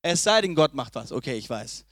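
A young man preaching a sermon, swinging between loud emphatic lines and soft, low asides. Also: very animated, a little fast, dry recording.

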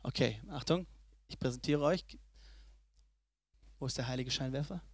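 A young man preaching a sermon, swinging between loud emphatic lines and soft, low asides. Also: normal speed, no echo.

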